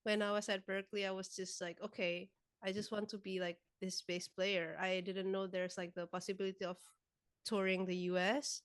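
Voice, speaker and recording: A woman's voice: medium pitch, flat delivery, normal speed, clean tone, dry recording, clean studio sound. A young woman, a guest musician chatting casually in an interview, with many filler words. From Indonesia.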